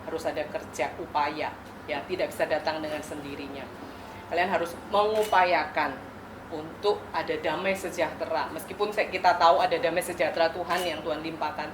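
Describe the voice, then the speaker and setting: In an echoey church or wedding venue with faint ambience and background noise, a woman pastor gives a wedding sermon in a lowish voice. She makes her points through rhetorical questions and lighthearted, playful asides.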